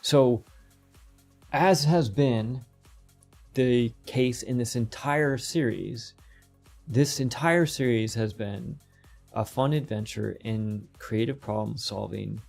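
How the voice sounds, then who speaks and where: A middle-aged man talks through a game development tutorial, quick and rambling, often breaking off and starting his sentences over. His voice has a gravelly edge. Faint music plays quietly behind him. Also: mid-range voice. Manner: rambling, quick, self-interrupting. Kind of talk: casual screen-recorded tutorial.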